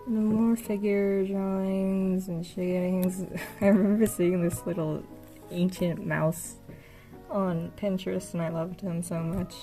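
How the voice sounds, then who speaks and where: On a rough recording with game music behind her, a young art vlogger takes a casual tour through her old sketchbooks. She goes slowly, her low voice showing little pitch movement. Hesitant, soft and full of fillers, she gradually sounds worn out.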